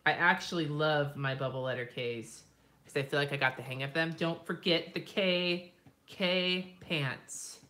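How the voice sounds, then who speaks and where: A woman's voice: sits low, unhurried, pushed and bright. A woman hosting a live stream, chatting casually and rambling while she draws, swearing freely and laughing often. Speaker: lettering artist and live-stream host.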